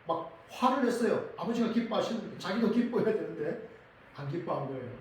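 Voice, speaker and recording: A man's voice: high voice, animated, fairly quick, darkish tone, slight background noise. A male pastor preaching a sermon, earnest and speaking straight to his congregation in a church. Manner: earnest, addresses the congregation directly. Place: church sanctuary. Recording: echoey church from far off.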